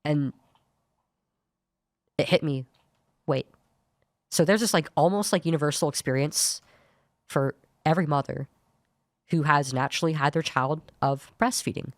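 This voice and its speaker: A young adult woman with a low, gender-ambiguous voice speaks as a guest on a studio talk show, sharing an earnest personal account. She is searching and keeps restarting her sentences, moving at a measured pace with frequent pauses. The audio is dry and of studio quality.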